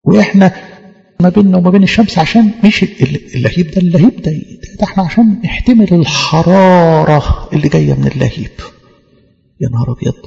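A man with an Egyptian accent preaching a sermon in a church, fervent, repeating key phrases and slowing down for scripture quotes. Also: high-pitched, expressive, creaky, dark tone, in a large hall, highs cut off. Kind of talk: Coptic Orthodox sermon in Egyptian Arabic.

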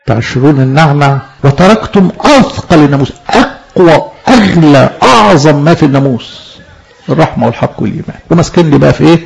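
Egyptian male preacher, fast emphatic sermon, gravelly fry, dull lo-fi recording. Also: fairly high pitch, darkish tone. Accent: Egyptian Arabic. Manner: emphatic, asks the listeners questions and answers them.

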